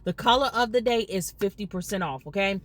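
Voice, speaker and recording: An American woman in her late thirties vlogs to her viewers, chatting casually and telling animated stories in which she re-enacts conversations. Her voice is medium-pitched and her pace brisk.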